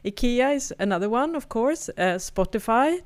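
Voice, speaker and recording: Expressive and on the high side, this Swedish woman's voice moves at a normal speed as she co-hosts a podcast in a relaxed, chatty way, frequently laughing and starting sentences over. There's slight background noise.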